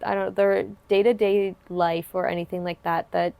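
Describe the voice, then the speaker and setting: A woman's voice: mid-range voice, little pitch movement, moderate pace, vocal fry, mellow, clear, resonant tone. A woman hosting a podcast, chatting earnestly and supportively in long, winding sentences. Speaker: podcast host. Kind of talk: casual interview chat.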